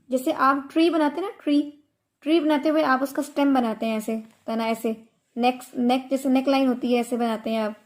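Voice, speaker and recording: Slow, high-voiced woman teaching tajweed. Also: a little mellow. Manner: slow, patient explaining with drawn-out Arabic examples. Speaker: Quran recitation teacher. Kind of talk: online tajweed lesson.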